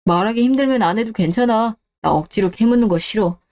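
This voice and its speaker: Woman doing a gentle caring young man. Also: on the high side, fast talker, lightly acted. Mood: reassuring. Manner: soft, reassuring.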